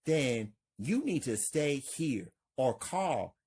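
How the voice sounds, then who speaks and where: A woman's voice: rumbling low, big pitch swings, takes it slowly, mellow, slightly rough, heavily acted. A woman voicing a female neighbor who questions and reassures a frightened friend. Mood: concerned. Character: calm caring woman neighbor.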